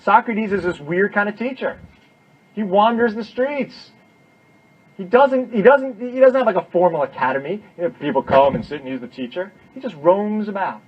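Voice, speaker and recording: This university lecturer has a high, animated voice with a breathy edge and speaks at a moderate pace. He gives an informal, emphatic lecture in class, repeating himself and often checking in with "right?". The classroom recording is lo-fi, dull, and noisy.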